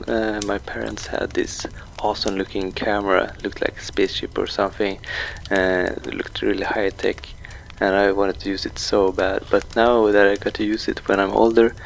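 A man leaving a casual, halting voicemail, full of fillers, played back from an answering machine over a landline. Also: on the low side, vocal fry, slight background noise. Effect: voicemail message played back over a landline answering machine. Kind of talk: casual rambling message.

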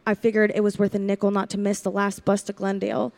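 Her mid-range voice is monotone, quick and darkish, with vocal fry, recorded with no room sound and close to how she'd normally speak. She's acting a young, lonely drive-in waitress in a 1940s-style radio play, confiding wistfully yet warily in first-person narration.

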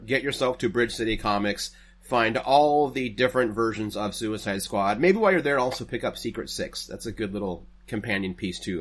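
A man of ordinary pitch hosts a podcast from his home setup. He reads sponsor spots casually, correcting himself and wandering off into geeky trivia. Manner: rambling, self-correcting, nerdy asides. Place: home setup, recording remotely.

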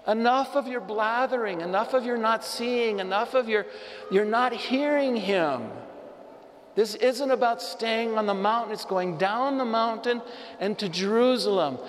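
A man's voice: very high-pitched, measured pace, in a large hall, slight background noise, pitched above the performer's own voice. A man voicing a fed-up divine voice from heaven that scolds and commands. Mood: scolding.

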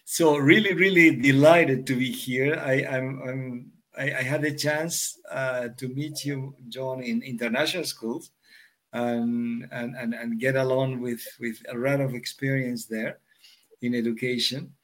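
A man answers interview questions in a halting way, often repeating himself as he starts a sentence. His voice is an everyday mid-range male pitch. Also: fairly even intonation, fairly bright tone. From Argentina. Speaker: guest, executive coach.

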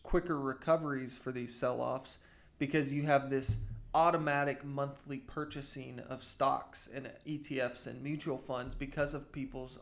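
Male financial podcast co-host, average pitch, conversational, somewhat halting as he rewords his points. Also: creaky.

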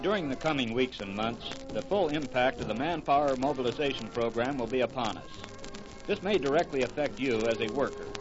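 A man's voice: mid-range voice, expressive, fairly quick. A man reading an earnest, official public service announcement, heard as an old broadcast transcription disc. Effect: old broadcast transcription disc sound. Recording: dull lo-fi old radio disc. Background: music playing.

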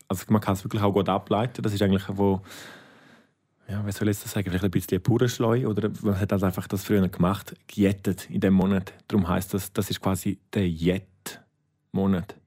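A man teaching words in a casual lesson, patient and repeating each word slowly. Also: low-pitched, level tone, dark tone, husky. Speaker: Romansh teacher.

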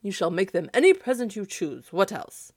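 A woman voicing a jolly, commanding old Santa Claus, speaking in an emphatic, brisk, decisive way. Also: medium pitch, very animated, darkish tone, dry recording, clean studio sound. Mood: hearty, decisive.

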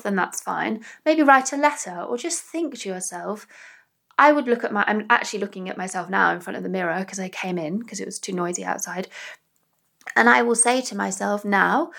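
Gravelly-voiced woman sharing earnestly. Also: medium pitch. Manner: earnest, gentle, many fillers. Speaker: podcast host. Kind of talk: reflective personal monologue. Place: indoors in front of a mirror. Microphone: small dictaphone recorder.

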